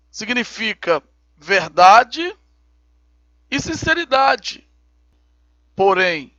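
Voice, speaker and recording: A man teaching a recorded Bible lesson, explaining each term slowly and step by step. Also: sits high, sharp tone, dry recording, highs cut off. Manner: slow, deliberate, explains terms step by step.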